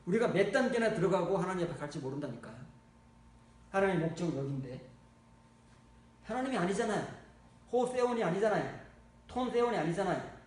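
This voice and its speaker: A man preaching a sermon as pastor, blunt and scolding, swinging from low murmurs to loud exclaims. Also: brisk, long pauses. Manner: lively, shifts from low muttering to loud exclaiming. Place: church. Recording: echoey church hall, mic far off.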